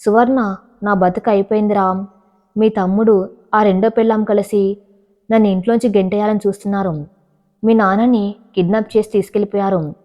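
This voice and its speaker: A woman's voice: mid-range voice, fairly even intonation, fairly quick, pauses often, mellow, close to an everyday voice. A woman voicing a scheming, self-pitying old mother-in-law in an audio story, whining to her daughter. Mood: pleading. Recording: dull lo-fi recording.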